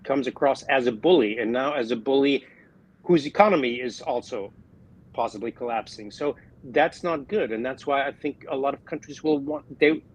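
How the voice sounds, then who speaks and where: A man arguing his point briskly on an opinion panel, often restarting his phrases. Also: mid-range voice, dull audio. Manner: brisk, argumentative, trailing restarts. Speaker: opinion columnist. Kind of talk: panel discussion.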